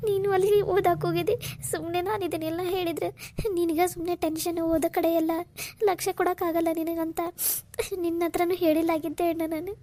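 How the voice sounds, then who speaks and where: A woman voicing a frightened young college student in a cartoon, who talks in a soft, tearful, pleading way to her older brother. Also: extremely high pitch, level tone, fast. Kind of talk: cartoon voice acting.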